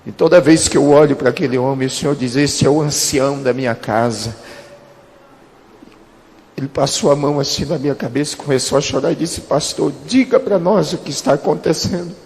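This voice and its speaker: A man's voice: fairly high pitch, brisk, a little mellow, long reverb tail. A man, a pastor telling a personal testimony earnestly and calling his listeners beloved.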